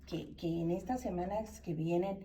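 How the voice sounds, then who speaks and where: Mexican lady telling a bible story to kids, acts out the shouting parts, mic kinda far off. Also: fairly low pitch, moderate pace, slight background noise. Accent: Mexican Spanish. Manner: animated, acts out the characters' cries. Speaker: Sunday school teacher. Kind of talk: storytelling Bible lesson for children.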